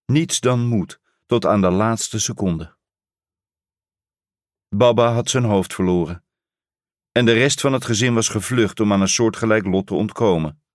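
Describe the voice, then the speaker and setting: A man reading a story aloud as narrator, in a measured, solemn, dramatic way. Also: on the low side, dry recording, studio quality. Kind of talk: scripted audiobook narration.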